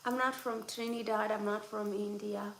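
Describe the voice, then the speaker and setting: This livestream host is a woman older than twenty-six, broadcasting casually from home as she chats, teases viewers, and laughs often. She has a medium-pitched, level tone at normal speed. The recording has echo and faint background noise.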